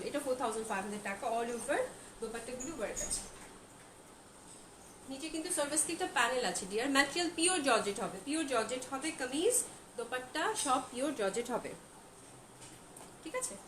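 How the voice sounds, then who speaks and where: A woman selling clothes on a live stream, chatting and gushing over each dress while slipping in English phrases. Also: high voice. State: feeling hot. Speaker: online clothing seller. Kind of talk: live-stream product showcase. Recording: echoey room with loud background noise.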